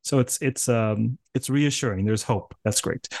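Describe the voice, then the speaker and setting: A man's voice: medium pitch, unhurried, gravelly, a little mellow, dry recording, clean studio sound. A Canadian man hosting an interview podcast, chatty and rambling with a casual tone. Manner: chatty, rambling, laughs often. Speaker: podcast host.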